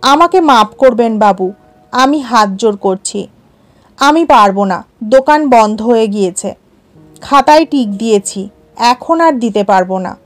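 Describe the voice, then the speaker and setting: A woman's voice: a little high, lively intonation, a little slow, soft background music. A woman reading a story aloud voices a humble, deferential male village shopkeeper. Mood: pleading. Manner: pleading, deferential.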